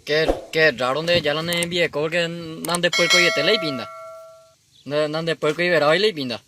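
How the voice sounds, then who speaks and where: A man's voice: a little high, steady tone, moderate pace, very noisy. A man doing a comic monologue, rambling in mumbled, clipped slang. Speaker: comedian.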